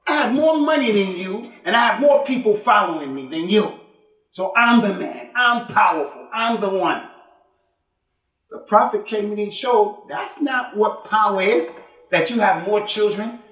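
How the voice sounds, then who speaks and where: A man leads Friday prayers as imam, his high-pitched, slightly bright voice expressive and measured in pace. He preaches emphatically, returning to key points, asking rhetorical questions, and using Arabic religious terms within his English. The recording carries the prayer hall's echo and is taken from some distance.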